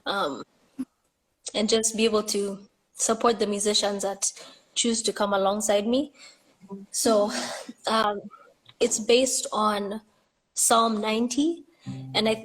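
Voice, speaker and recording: A woman chatting as a guest singer-songwriter on a live stream, soft-spoken and hesitant, feeling cold and shivering. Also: mid-range voice, flat delivery, a little slow, long pauses. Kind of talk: casual chat. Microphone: phone on a live stream.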